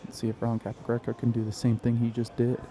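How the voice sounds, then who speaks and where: A man adds color commentary to a live-streamed game. His voice is warm and mellow at a middle pitch. He explains plays in an easygoing way. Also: completely flat delivery, fast.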